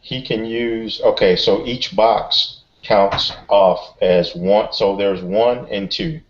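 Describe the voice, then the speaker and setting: Low-voiced man explaining game play, lo-fi. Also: takes it slowly. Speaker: tabletop game player. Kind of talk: casual game talk, explaining rules. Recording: dull, lo-fi sound.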